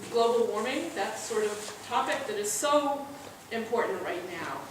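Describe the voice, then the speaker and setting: A woman's voice: fairly high pitch, animated. Distant woman introducing a speaker, very echoey. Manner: halting, unscripted. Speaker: event host introducing a speaker. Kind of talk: informal spoken introduction. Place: indoor lecture room, recorded from afar. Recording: very echoey room, distant mic, background noise.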